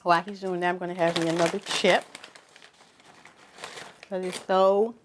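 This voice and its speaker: A woman's voice: lowish voice, little pitch movement, moderate pace, background noise. Chatty woman reviewing snacks. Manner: chatty, tasting food while talking, trailing restarts. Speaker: vlogger. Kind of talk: casual snack review vlog.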